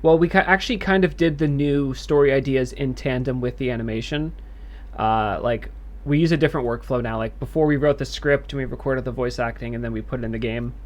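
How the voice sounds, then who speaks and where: Game developer, male, mid-pitched, measured and halting as he answers livestream questions. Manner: thoughtful, halting explanations.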